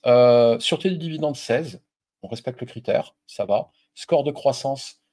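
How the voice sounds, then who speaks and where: A middle-aged man whose first language is French hosts a casual investing video, speaking informally to the viewer with lots of fillers in a familiar explainer style. His mid-range voice is expressive, unhurried, and mellow.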